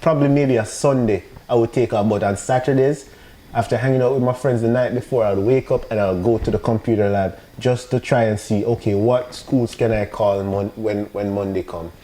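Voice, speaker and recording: A man's voice: on the low side, fairly even intonation, fairly quick, mellow, low-quality recording. A man from Jamaica with a Jamaican English accent, speaking as a podcast guest and telling personal stories casually, repeating phrases for emphasis.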